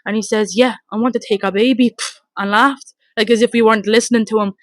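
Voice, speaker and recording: A woman with a Dublin accent giving a blunt, rapid, emotional first-hand account, swearing and re-enacting her shouts, outdoors in front of her home. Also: fairly high pitch, steady tone, no echo. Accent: Dublin Irish. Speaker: mother telling her story.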